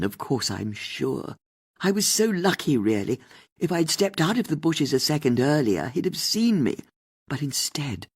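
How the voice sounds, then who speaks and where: In audiobook character dialogue, a narrator voices an older, upper-class English lady who is haughty, self-assured and quick to take offense. Her medium-pitched, slightly rough delivery is very lively, swooping up and down as she airs brazen opinions with open disdain.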